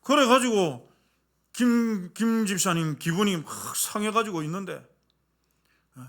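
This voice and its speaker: A male pastor preaching a sermon with humorous stories, animated and questioning the congregation. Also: high-pitched, unhurried.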